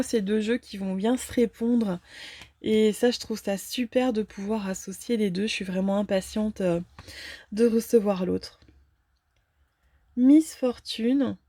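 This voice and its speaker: A woman casually unboxing and reviewing a fortune-telling card deck, talking hesitantly with many filler pauses. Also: on the high side, mellow, dry recording.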